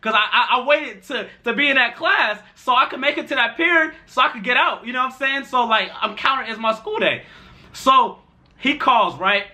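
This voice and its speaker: A young man tells a rambling storytime tale in a loose, slang-heavy way. His voice sits high and sounds bright and lively. He keeps circling back with fillers as he goes. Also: moderate pace. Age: young adult. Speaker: storytime vlogger. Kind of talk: casual storytime.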